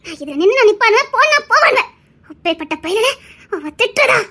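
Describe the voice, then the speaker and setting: A woman's voice: very high voice, sing-song, brisk, bright, forceful tone, heavily acted. A woman playing a fiery, protective village mother with a Tirunelveli Tamil accent, indignant and talkative. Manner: indignant outbursts with laughing asides.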